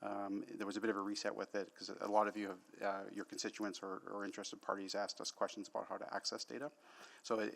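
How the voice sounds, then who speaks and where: A man representing the police commission, answering councillors' questions with measured, hedging explanations in a council chamber. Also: lowish voice, gravelly, fairly bright tone.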